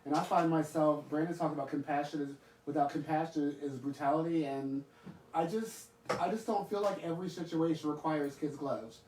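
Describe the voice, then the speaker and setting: A man's voice: a little high, steady tone, brisk, darkish tone. A man co-hosting a podcast, speaking bluntly and often chiming in to agree during a casual discussion. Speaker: podcast co-host. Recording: echoey room, far from mic, faint noise.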